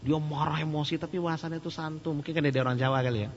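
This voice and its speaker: A man giving a casual question-and-answer sermon, joking and animated. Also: a little high, rapid-fire, long reverb tail. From Sumatra. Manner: joking and animated, laughs at his own jokes. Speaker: Islamic preacher. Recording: muffled lo-fi recording with faint hum.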